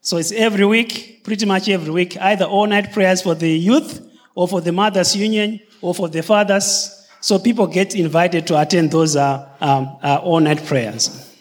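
A man's voice: high-pitched, steady tone, normal speed, big-room sound. A man from Zimbabwe, around his thirties or forties, speaking earnestly to a church congregation, linking his points with "so" and "and then". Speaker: church member sharing testimony. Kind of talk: casual talk to a congregation. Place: church hall.

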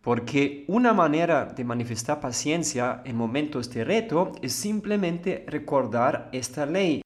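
Calm man teaching with rhetorical questions. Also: on the high side. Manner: calm, asks rhetorical questions and answers them. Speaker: spiritual teacher. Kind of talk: explanatory talk.

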